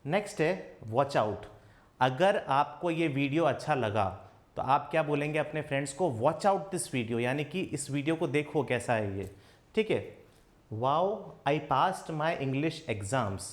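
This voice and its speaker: Male tutor, slightly high voice, quizzing himself as he teaches and spelling out English examples slowly. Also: animated. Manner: asks and answers his own questions. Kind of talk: classroom lesson. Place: coaching classroom.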